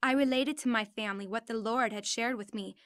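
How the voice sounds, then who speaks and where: A woman reading an audiobook in first person, with earnest, steady storytelling. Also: on the high side, brisk, no room sound, studio quality. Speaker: audiobook narrator.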